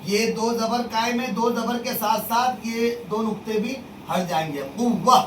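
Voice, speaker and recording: A teacher drills a class in call and response, stating each rule and then firing questions back at the students. The voice sits at a middle pitch and comes from well back, off a distant mic. The room rings with echo, and a faint hiss runs underneath. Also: measured pace. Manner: repeats rules and quizzes students with questions. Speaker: religious studies teacher.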